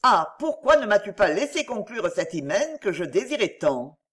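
A woman reading an audiobook, voicing a grieving older father in a low, heavy tone. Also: very animated, normal speed, a bit bright. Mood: sorrowful.

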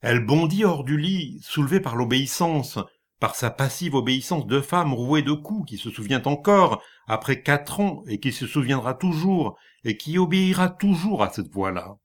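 A man's voice: mid-range voice, expressive, normal speed. A man reading a literary short story aloud with dramatic storytelling. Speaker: narrator.

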